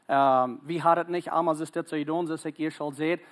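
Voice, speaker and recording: A man with a Plautdietsch accent preaching a sermon, earnest and urging, often pausing and restarting mid-sentence. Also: on the high side, fairly even intonation. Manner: halting, frequent hesitations and restarts.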